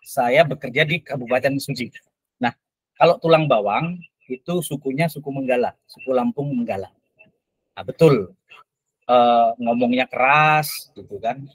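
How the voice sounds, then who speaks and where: A man who is a teacher and podcast guest, telling stories in an animated, emphatic way. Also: breathy edge, no room sound, poor audio. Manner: lively, emphatic, with big swings in pitch. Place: studio.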